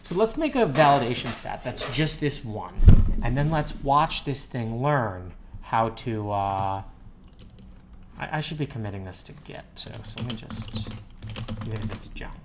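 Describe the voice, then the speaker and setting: A man's voice: mid-range voice, expressive, a little slow, background noise. Rambling man live-coding at his keyboard. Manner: rambling, muttered asides to himself while typing. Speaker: programmer livestreaming. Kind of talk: casual live-coding commentary. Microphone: desktop USB microphone. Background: faint keyboard typing.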